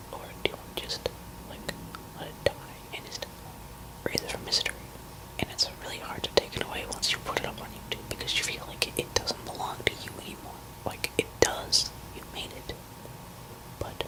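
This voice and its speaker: A woman rambling hesitantly in a barely audible, unvoiced ASMR whisper, pausing mid-thought. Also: low-quality recording. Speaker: musician talking to listeners.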